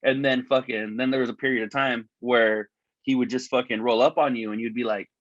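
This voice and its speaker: A man's voice: medium pitch, steady tone, fairly quick, no room sound. A man co-hosting a podcast in casual chat, rambling with lots of cursing and fillers, his voice tinny from an earbud microphone. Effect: tinny sound from earbud microphone. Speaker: podcast co-host. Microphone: wireless earbuds as microphone. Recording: dull lo-fi earbud mic, dry.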